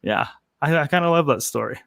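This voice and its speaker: Male co-host, bright and dry, chatty storyteller with fillers. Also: fairly high pitch, expressive, brisk, creaky, no echo. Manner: loose and chatty, trailing fillers. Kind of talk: casual chat show, telling news stories.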